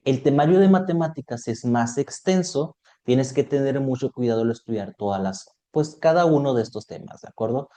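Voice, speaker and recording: A man's voice: medium pitch, expressive, normal speed, hardly any pauses, mellow. A man teaching an online exam prep lesson, explaining topics step by step and checking in with his students.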